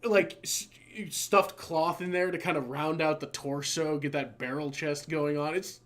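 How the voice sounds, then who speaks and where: Excitable swearing game master, slightly high. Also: male voice, measured pace. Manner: excitable, swears and stumbles over words. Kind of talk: running a tabletop game session.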